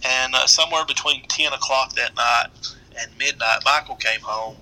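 A middle-aged man with an Appalachian accent, telling a story casually in a halting, rambling way. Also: medium pitch, pushed and bright, rough recording. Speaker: guest storyteller.

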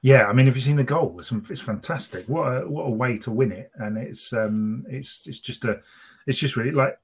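A man chatting casually as a podcast co-host, rambling and interrupting himself, in a husky voice. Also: mid-range voice, moderate pace. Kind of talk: casual chat.

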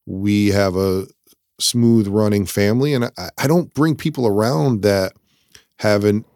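A man's voice: fairly low pitch, a little slow, darkish tone, no echo, clean studio sound. A middle-aged man chatting casually as co-host, asking curious, teasing questions. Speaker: co-host of a family channel. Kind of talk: casual chat.

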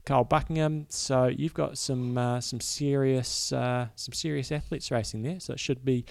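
A man with a New Zealand accent co-hosts a sports podcast. His voice has plenty of vocal fry, and he talks through the news plainly and casually. The recording is very dry. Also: mid-range voice, fairly even intonation, normal speed, no echo. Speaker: podcast co-host.

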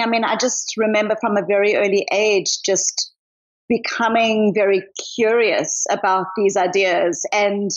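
A woman's voice: mid-range voice, muffled recording. A middle-aged woman from South Africa with a mixed accent, a psychologist speaking thoughtfully as a guest in an interview. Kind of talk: interview conversation.

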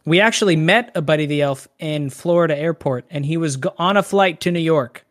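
A man co-hosting a podcast, telling stories in an animated, casual way and acting out quoted lines. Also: on the high side, fairly quick. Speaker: podcast co-host. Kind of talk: casual storytelling chat.

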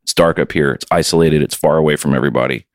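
Low-voiced man joking around on a podcast. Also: fast, dry recording, studio quality. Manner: loose, joking and profane. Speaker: podcast co-host and touring musician. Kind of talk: casual podcast chat. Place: his home music studio.

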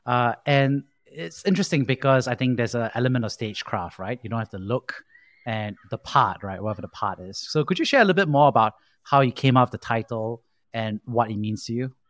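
A man hosting a podcast, asking questions in a measured, deliberate way. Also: medium pitch, animated, fairly bright tone, dry recording. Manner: measured, deliberate delivery with slow pauses. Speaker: podcast host. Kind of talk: interview hosting and read ad.

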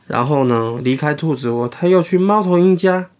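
A man's voice: on the high side, expressive, moderate pace, darkish tone. A man reading a picture book aloud to a child, chatty and asking the child questions as he goes. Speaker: storyteller dad.

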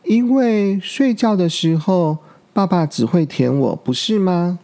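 A man's voice: sits high, expressive, measured pace, mellow, pitched above the performer's own voice. A man voicing a boastful, smug baby male ankylosaur in a storybook. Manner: smug, bragging.

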